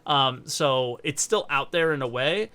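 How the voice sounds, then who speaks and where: A man's voice: mid-range voice, measured pace, sharp tone, clear, resonant tone. A man hosting a casual gaming podcast, rambling and correcting himself as he explains background. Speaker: podcast host. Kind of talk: casual chat.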